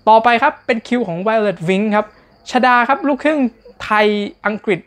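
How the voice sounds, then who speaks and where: A man's voice: high voice, normal speed, fairly bright tone. A man narrates a recap of a competition show in a casual, chatty way. He speaks directly to the audience and keeps his tone polite throughout. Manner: chatty, talks straight to viewers, polite particles throughout.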